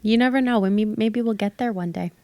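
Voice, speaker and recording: A young woman co-hosting a podcast, an animated storyteller who swears freely in casual chat. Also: mid-range voice, brisk, dry recording. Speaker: podcast co-host.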